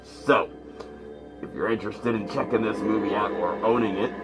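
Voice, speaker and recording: A man presenting as a campy zombie horror host in vintage style, with gravelly, casual, rambling patter. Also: fairly low pitch, normal speed, loud music behind the voice. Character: zombie horror host addressing his kiddies. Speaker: horror movie show host.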